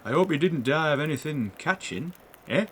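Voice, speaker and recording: High, wheedling old junk dealer. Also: male voice, lively intonation, moderate pace, fairly bright tone, slight background noise. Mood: sly, haggling. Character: wheedling, miserly old rag-and-bone dealer. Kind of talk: audio drama acting.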